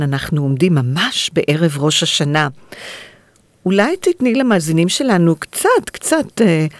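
A woman's voice: deep voice, no echo. A woman hosting a radio interview, putting questions to a guest in a broadcast style.

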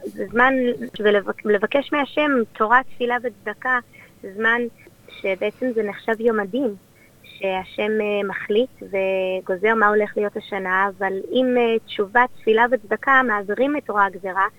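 A woman's voice: mid-range voice, fairly even intonation. A woman with an Israeli accent, speaking as a community leader and guest in a conversational, explanatory radio interview. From born in Australia, raised there and in Israel. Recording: dull, lo-fi radio sound.

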